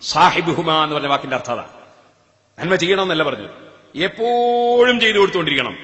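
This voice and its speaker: A man's voice: a little high, expressive, a little fast, a bit bright, muffled recording. A man preaching a sermon on a Quran chapter, in a melodic, chanting delivery full of rhetorical questions to his listeners. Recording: long hall reverb.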